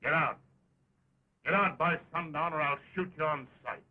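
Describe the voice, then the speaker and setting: An actor playing a hostile, blustering American cowboy villain in western slang, in early talkie film style. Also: male voice, a little high, normal speed, close to an everyday voice. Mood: menacing. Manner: folksy cowboy slang, confrontational. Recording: tinny, band-limited 1920s film soundtrack.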